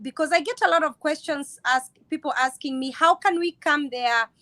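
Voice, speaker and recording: High-pitched woman host. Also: normal speed, no echo. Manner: warm greetings, frequent brief affirmations. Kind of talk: casual live-stream chat.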